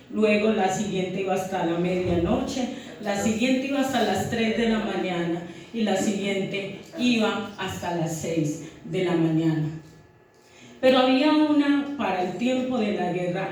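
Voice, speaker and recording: A woman's voice: mid-range voice, a little mellow, slight background noise. Woman preaching in an echoey church. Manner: teaching, asks congregation questions. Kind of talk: sermon. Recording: echoey church hall, mic from far off.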